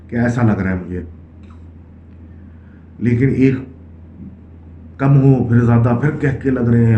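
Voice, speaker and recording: A man's voice: mid-range voice, mellow. A man casually narrating a ghost story in a conversational way, often mixing English phrases into his speech. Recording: echoey, tinny phone-like sound with faint hiss.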